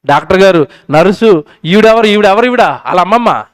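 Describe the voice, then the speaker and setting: Male preacher, high clear voice, questioning his crowd with a dry, close sound. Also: animated, a little fast, no room sound. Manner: questioning the crowd, swinging between loud and soft. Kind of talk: sermon at a public meeting. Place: public meeting.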